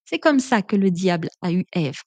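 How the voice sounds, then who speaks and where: A woman's voice: lowish voice, big pitch swings, moderate pace, darkish tone, no echo. A woman giving relationship advice in a chatty, emphatic monologue, full of little asides. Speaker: relationship coach.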